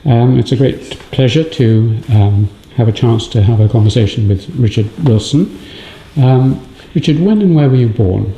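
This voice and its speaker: A man interviewing a guest, opening his questions softly and with hesitant ums. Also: medium pitch, moderate pace, few pauses, echoey room, poor audio. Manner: soft-spoken, hesitant openings.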